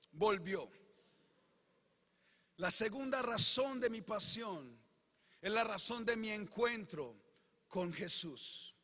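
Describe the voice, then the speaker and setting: A man, a pastor, preaching his personal testimony with passion, moving from hushed storytelling to shouted proclamation. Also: sits high. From Colombia. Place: church hall. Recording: long reverb of a large church hall.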